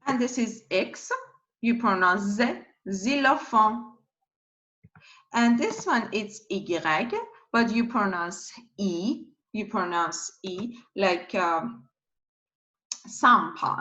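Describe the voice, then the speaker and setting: A woman teaching pronunciation slowly, repeating each word and spelling out letters. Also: mid-range voice, a bit bright, highs cut off. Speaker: French teacher. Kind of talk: slow pronunciation lesson.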